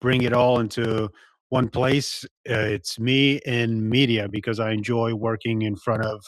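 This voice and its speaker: Forties guy from Poland, Polish first language, podcast guest, unhurried and reflective, dead-dry mic. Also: medium pitch, level tone, no echo. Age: 40s. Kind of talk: casual interview.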